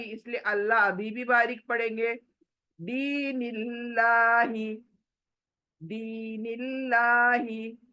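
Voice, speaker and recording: A woman teaching Quran recitation, patiently explaining and repeating each word slowly so learners can follow along. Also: fairly high pitch, bright, forceful tone, highs cut off. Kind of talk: spoken lesson with slow recited examples.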